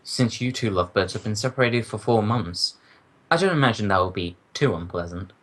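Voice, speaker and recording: Loyal doctor companion for radio drama: lowish voice, stuffy, proper, grumbling. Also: male voice, animated, brisk, fairly bright tone. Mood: genial, proper. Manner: proper, grumbling, old-fashioned. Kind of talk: old-time radio drama acting.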